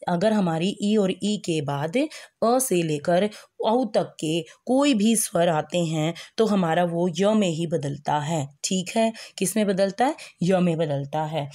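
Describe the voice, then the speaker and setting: Woman teacher, lower voice, patient and repetitive, addresses children fondly. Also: a little mellow. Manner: patient, repeats checks like "ठीक है" and "समझ में आया"; calls listeners "बेटा". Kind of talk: Hindi grammar lesson for children.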